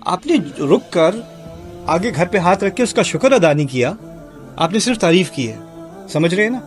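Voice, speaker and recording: A man giving a Quran commentary lecture, asking his listeners questions, repeating key words and reciting Arabic verses. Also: high-pitched. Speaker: Quran teacher.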